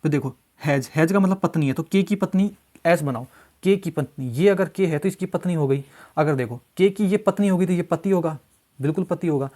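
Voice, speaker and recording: A man's voice: a little high, a little fast, mellow. A man teaching exam reasoning questions, working through each step and often checking that students follow. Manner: repetitive, coaxing, keeps asking "samjhe?". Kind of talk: solving mock test questions step by step.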